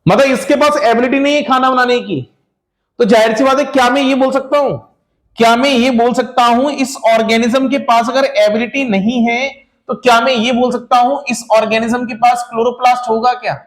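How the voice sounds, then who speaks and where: A man with a strikingly high-pitched voice teaches a class in a lecture style. He keeps putting rhetorical questions to his students, whom he calls children, and he repeats the main points. English terms are mixed into his speech. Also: steady tone, a little fast. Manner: mixes English terms into Hindi.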